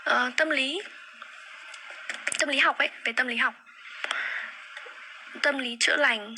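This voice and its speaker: A woman's voice: sits high, takes it slowly. A young woman, chatting casually on a phone livestream and repeating words as she searches for them. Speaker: livestream host. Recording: phone livestream with steady background noise.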